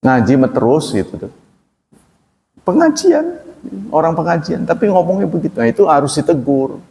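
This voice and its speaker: A man's voice: on the high side, expressive, fast talker, gravelly, mellow, big-room sound. A man teaching at a religious study gathering, explaining Arabic terms in a loose, conversational way and asking the audience questions. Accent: Indonesian, from Banten region. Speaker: Islamic teacher.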